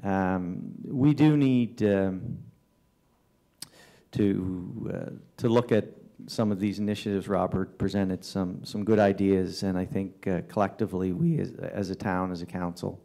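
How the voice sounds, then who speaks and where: A man delivering a town councillor's report at a council meeting, halting often with fillers and restarts. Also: sits low, steady tone, gravelly, warm tone. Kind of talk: formal council report with ad-libbed remarks. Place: council chamber.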